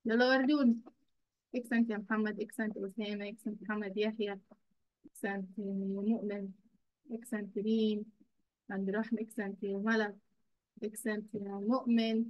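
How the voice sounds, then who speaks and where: A woman with an Egyptian Arabic accent teaching children English in an online class, praising them and drawing out English words slowly. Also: mid-range voice, level tone, lo-fi sound.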